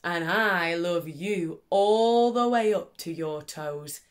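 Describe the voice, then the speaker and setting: A woman voicing a big, gentle father hare in a storybook, speaking with measured, tender affection. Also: fairly low pitch. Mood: loving.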